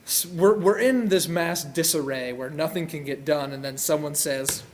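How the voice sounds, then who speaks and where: A man's voice: a little high, moderate pace. Young man explaining game lore eagerly. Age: young adult. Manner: eager, explanatory, piles up restarts. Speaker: co-host. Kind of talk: casual gaming chat. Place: large indoor auditorium.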